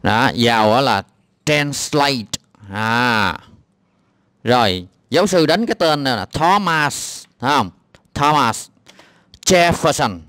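A man's voice: mid-range voice, animated, takes it slowly, pauses often, fairly bright tone, no echo, clean studio sound. A man with a Southern Vietnamese accent giving exasperated, mocking reaction commentary on a clip, with lots of hesitant filler sounds. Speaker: video commentator.

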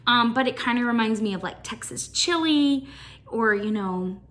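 A woman's voice: fairly high pitch, expressive, normal speed, a bit bright. A woman chatting through a show-and-tell vlog as she packs a gift box, enthusiastic and full of ums. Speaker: shoebox packing vlogger.

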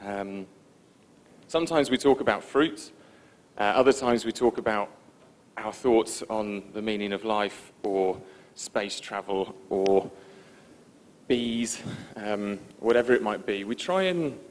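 A man giving a conference presentation in a relaxed, informal, self-deprecating way, with frequent ums. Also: on the low side, takes it slowly. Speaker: conference speaker. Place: conference stage before an audience.

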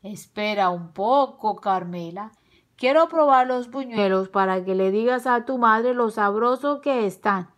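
A woman voicing a greedy, threatening male wolf in a children's story, drawing out his words slowly and loudly. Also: a little high, lightly acted. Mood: sly. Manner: slow, drawn-out and loud.

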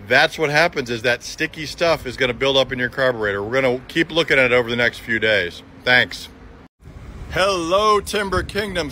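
A man's voice: medium pitch, bright, forceful tone, a little hiss or hum. A man in his forties hosts a casual selfie video outdoors, chatting through a hands-on demonstration and often restarting his sentences. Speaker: sawmill company video host. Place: outdoors beside a metal building in hot sun. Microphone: phone camera at arm's length.

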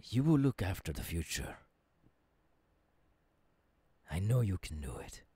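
A man playing an earnest visionary professor mentoring an apprentice in an ASMR roleplay, halting and breathy, close to the microphone. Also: low voice, very animated, dark tone, no echo, exaggerated voice. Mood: solemn, encouraging. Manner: slow, deliberate, halting phrases dropping into whispers. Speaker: voice actor. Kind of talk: ASMR audio roleplay, intimate second-person monologue. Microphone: close microphone, dry.

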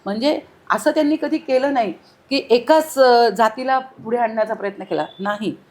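A woman's voice: fairly high pitch, moderate pace, a little mellow. Earnest middle-aged woman recalling past work. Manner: earnest, emphatic, lists details in long runs. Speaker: former mayor, interview guest. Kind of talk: reminiscing interview answers.

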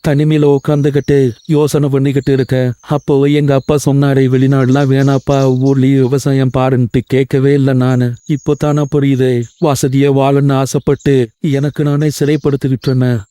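A man's voice: medium pitch, completely flat delivery, fairly quick, mellow, lightly acted. A man voicing a homesick young husband working abroad in a cartoon, earnest and pleading. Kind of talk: Tamil cartoon voice acting.

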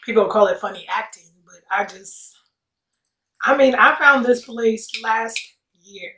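A woman's voice: fairly high pitch, a little slow, sharp tone. A woman in her late thirties chatting casually to camera over a meal, sassy, playful and rambling, as a mukbang vlogger. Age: late 30s. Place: indoors, seated at a table. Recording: roomy echo, distant mic.

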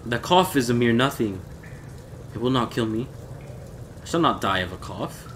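A man voicing a drunken, proud nobleman in a gothic storybook, loud and exclamatory. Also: mid-range voice, animated, moderate pace, echoey room, noisy background, natural voice. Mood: dismissive. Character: drunken, proud, coughing Italian nobleman in jester motley. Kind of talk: dramatic gothic audiobook reading.

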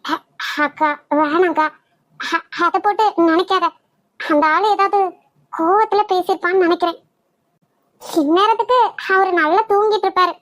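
A woman's voice: very high-pitched, normal speed, long pauses, no room sound, pitched below the performer's own voice. A woman doing a caring cartoon little sister. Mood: comforting. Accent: Kanyakumari Tamil. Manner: pleading, comforting. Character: caring loyal younger sister.

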